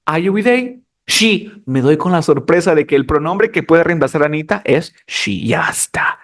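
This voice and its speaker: A man explaining English grammar as a teacher, animated and talking straight to his students. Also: a little high, normal speed. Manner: animated, addresses students as "chicos". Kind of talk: lesson explanation.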